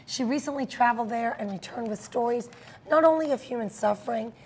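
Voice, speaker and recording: A woman's voice: a little high, a little fast. A woman co-hosting an interview show, speaking in an articulate, empathetic way as she introduces and questions guests. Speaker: talk show co-host. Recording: clear background noise and ambience.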